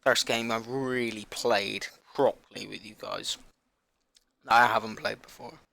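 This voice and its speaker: A man with a sore throat hosting a gaming channel, rambling and apologetic as he haltingly reads a list in a casual announcement vlog. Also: lowish voice, steady tone, vocal fry, sharp tone.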